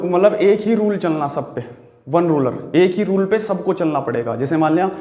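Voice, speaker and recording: A man with an Indian accent gives an exam-prep vocabulary lesson, repeating each word and quizzing the viewer as he writes on a board. His voice sits fairly high but mellow and dark. The room is echoey around him. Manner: explains patiently, repeats words and asks questions to the viewer; writes on a board while talking. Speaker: vocabulary teacher.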